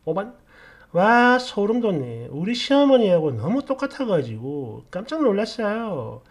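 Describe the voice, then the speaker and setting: A woman telling a story in a casual, blunt and sarcastic way, with an animated delivery. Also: medium pitch, unhurried, breathy edge.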